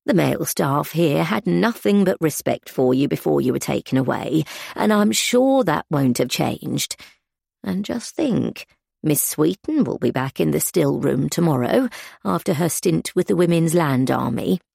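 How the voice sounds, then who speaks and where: A woman's voice: deep voice, animated, creaky, breathy edge, no room sound, clean studio sound, full character voice. Woman doing a prim, proper housekeeper. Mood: firm, sensible. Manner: proper, measured, gently corrective. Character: stern middle-aged housekeeper, prim and sensible.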